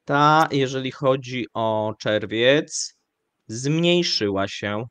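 Measured hesitant man, dry sound. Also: mid-range voice, fairly bright tone, clear, resonant tone, no echo. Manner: measured, hesitant with frequent fillers. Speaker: show host. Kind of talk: live economic commentary.

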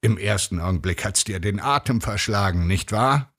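A man's voice: on the low side, normal speed, a bit bright, pitched above the performer's own voice. A man playing a self-satisfied, teasing middle-aged husband in a read short story.

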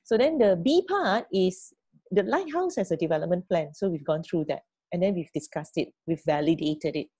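A middle-aged woman talks her team through a plan on a video call. Her voice sits low and mellow, with a dry, close sound. She repeats words as she thinks and keeps checking in with "okay?" and "right?". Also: expressive, moderate pace, husky, no room sound. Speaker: team leader. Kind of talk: online team meeting briefing.

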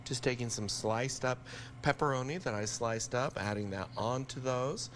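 A man's voice: mid-range voice, moderate pace, fairly bright tone, slight background noise. An older man, a TV chef, talking viewers through a recipe in a studio kitchen, upbeat and enthusiastic. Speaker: TV cooking chef. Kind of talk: live TV cooking demo.

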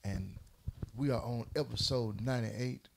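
A man's voice: medium pitch, a little slow, vocal fry, a little hiss or hum. A man hosting a casual podcast, joking and laughing often with his co-hosts. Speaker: podcast host.

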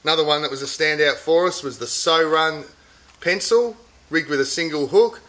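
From inside a tackle shop, a middle-aged Australian man hosts a weekly fishing report, chatting about catches and specials in upbeat sales patter. His voice is a little high and fairly bright at normal speed, captured by a close-range camera.

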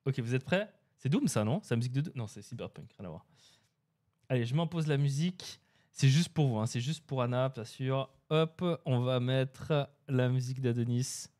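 At a moderate pace and medium pitch, a mellow-voiced French-speaking livestream host codes live, chatting casually with his viewers and muttering and humming to himself while he works.

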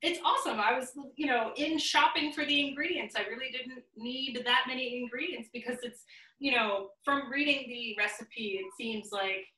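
A woman's voice: sits high, normal speed, sharp tone, echoey room. A woman hosting a live online cooking class on a video call, chatty and upbeat with lots of fillers. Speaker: host.

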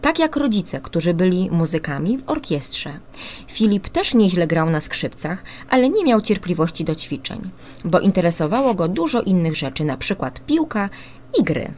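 A woman reading a children's story aloud on the radio, expressive and animated. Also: on the low side, normal speed, a little hiss or hum.

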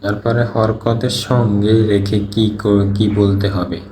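Low flat-voiced man teaching Quran letters. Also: a little slow. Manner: patient, repetitive drilling of letter sounds. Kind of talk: recorded online lesson. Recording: echoey room, faint background noise.

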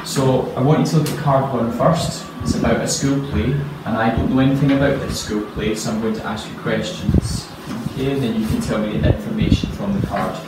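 A man in his thirties examining a student's spoken English, talking slowly and clearly with patient encouragement, in a small office. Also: medium pitch, steady tone. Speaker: English speaking-test examiner. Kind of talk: spoken language exam interview. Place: small indoor office room. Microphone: far camera. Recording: echoey room, far from mic, loud noise.

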